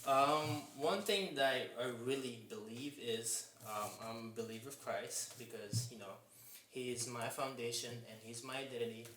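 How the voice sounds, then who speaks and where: A fitness mentor in his twenties, originally from Japan, chats as a guest on a casual podcast. His mid-range voice has a fairly bright tone, and he speaks in an earnest, halting way, joining ideas with "and then" while the echoey room adds faint noise.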